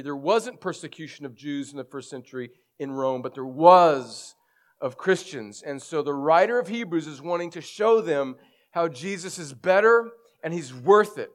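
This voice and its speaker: Nursing a head cold and a scratchy throat, this middle-aged pastor delivers his sermon in a slightly high voice. He's earnest throughout, explaining passages and reading scripture emphatically.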